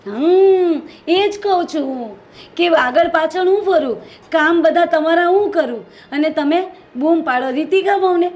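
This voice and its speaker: An actress playing a hardworking, resentful daughter-in-law who complains constantly, with a Gujarati accent. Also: female voice, very high voice, unhurried, a little mellow. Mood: aggrieved. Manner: complaining, aggrieved.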